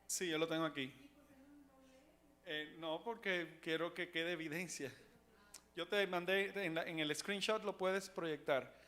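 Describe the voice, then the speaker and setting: Slow, halting Bible study teacher, a man. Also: on the high side, steady tone, sharp tone. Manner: halting, many fillers and restarts, asks the class questions.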